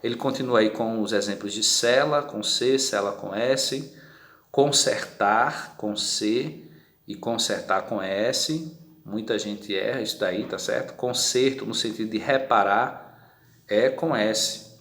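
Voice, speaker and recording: A man's voice: on the low side, fairly bright tone. A man, teaching a recorded grammar lesson. He explains patiently, often adds tag questions and draws out words when he gives examples. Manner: drawn-out, slowed words when giving examples. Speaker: Portuguese teacher. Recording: echoey room.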